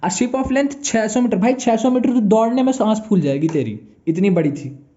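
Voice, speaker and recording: A man's voice: sits high, expressive, moderate pace, dark tone, lo-fi sound. A young man with an Indian English accent teaching maths in a recorded online lecture, chatty and playful, answering his own imagined students. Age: young adult.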